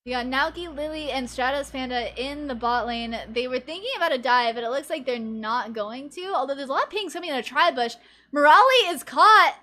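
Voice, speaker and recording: Bright high-voiced woman co-streaming esports. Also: brisk, hardly any pauses. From Pacific Northwest, USA. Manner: chatty, giggly, reads chat aloud. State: sleepy early in the day. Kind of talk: casual game commentary.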